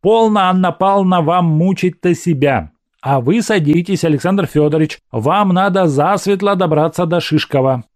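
A man's voice: sits high, normal speed, dry recording, studio quality, voice pushed up, close to an everyday voice. A man voicing a fussy, bossy older family friend giving hearty farewells and orders.

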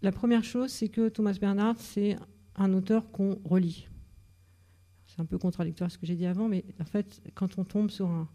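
Middle-aged woman speaker, mellow voice, halting with lots of fillers, literary talk in a library. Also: mid-range voice, fairly even intonation. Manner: hesitant, many fillers and restarts. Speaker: author and teacher speaking at a literary evening. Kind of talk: informal literary talk with readings. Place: library event room.

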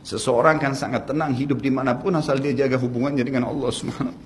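Man, Indonesian accent, earnest sermon, mid-pitched, swings pitch for emphasis, faint background hum. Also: steady tone, quick pace, big-room sound. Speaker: Islamic preacher.

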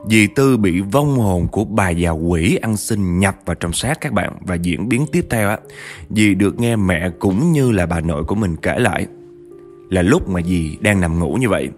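A man narrating a ghost story in a lively way, speaking directly to his listeners. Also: low voice.

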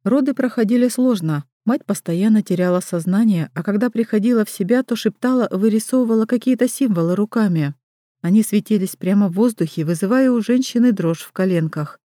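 A woman reading a first-person story in an even, measured way. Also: medium pitch, no echo, clean studio sound. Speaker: audiobook narrator. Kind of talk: scripted first-person narration.

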